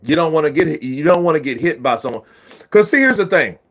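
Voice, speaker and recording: A man's voice: fairly high pitch, lively intonation, quick pace, a bit bright. A man hosting a boxing livestream, chatting casually, reading out and thanking viewers by name.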